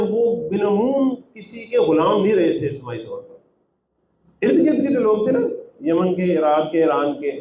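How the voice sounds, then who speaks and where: A man with a fairly high voice teaches from scripture, reciting verses and then explaining them with rhetorical questions. The room is echoey, with faint noise underneath. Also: warm tone, dull audio. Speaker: Quran translator and teacher. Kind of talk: Quran translation with commentary.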